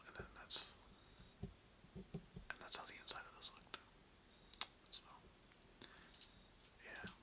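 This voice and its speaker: Whispering right up against the microphone, an ASMR creator drifts through a laid-back, nostalgic ramble full of slang, pausing and meandering as they go.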